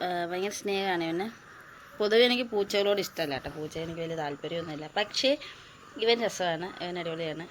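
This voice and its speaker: A young woman from Kerala, hoarse from a lingering cough, chatting casually to viewers at home in a vlog, with plenty of fillers. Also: on the low side, a little hiss or hum. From Kerala, India. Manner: chatty, with many "appam" and "aa" fillers, addressing viewers as guys. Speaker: vlogger. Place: at home, indoors and in the yard.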